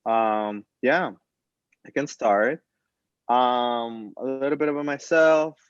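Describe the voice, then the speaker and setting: A man from Colombia, a band member, talking in a relaxed, rambling way during a casual interview. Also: mid-range voice, slow, smooth, no echo, dull audio. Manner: relaxed, rambling, laughs easily.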